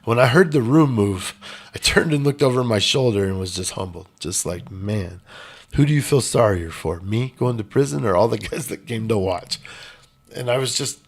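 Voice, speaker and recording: A man telling his life story in an earnest, intense way, dropping quiet and then rising loud. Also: fairly low pitch, moderate pace. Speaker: interview guest. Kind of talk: emotional storytelling.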